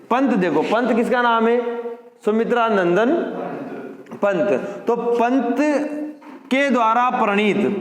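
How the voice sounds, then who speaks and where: A man teaching a grammar lesson to exam students, repeating key words and quizzing his class. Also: high voice. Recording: echoey room with long reverb.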